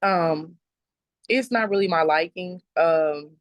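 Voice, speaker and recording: A woman from South Dallas, answering interview questions in a soft-spoken, plain, halting way. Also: lowish voice, no room sound. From South Dallas, Texas. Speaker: interviewee, mother. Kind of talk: personal interview.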